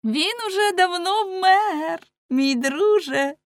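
A woman voicing a plump, brash young woman who teases loudly. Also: extremely high pitch, takes it slowly, no echo, studio quality, voice pushed up, exaggerated voice. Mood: teasing.

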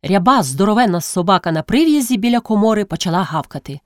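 A woman narrating a classic story in a measured, expressive reading. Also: medium pitch, dry recording, clean studio sound.

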